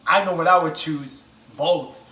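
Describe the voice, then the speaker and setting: With oil sizzling and frying behind him, a man hosts a home cooking video and addresses his viewers directly from the kitchen. He sounds upbeat and enthusiastic, with a fairly high, pushed, bright voice and a measured pace.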